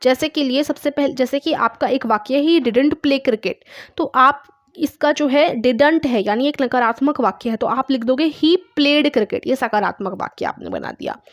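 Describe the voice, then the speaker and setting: A woman's voice: sits high, moderate pace, no room sound, studio quality. A woman teaching a course online, patiently explaining a test step by step with examples and reading words aloud. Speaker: English teacher.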